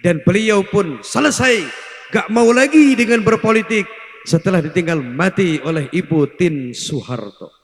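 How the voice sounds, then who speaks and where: A man's voice: sits high, lively intonation, measured pace. A male preacher giving a comic sermon, joking and teasing the crowd, mixing in Javanese words. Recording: echoey hall, long reverb.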